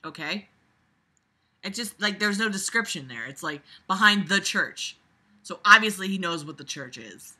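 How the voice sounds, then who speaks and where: Reading a novel aloud as a review, this speaker keeps interrupting with running commentary that is exasperated, sarcastic, blunt and full of swearing. The voice is mid-range, bright and forceful with a breathy edge, at a moderate pace, and it lurches emphatically from mutters to loud outbursts.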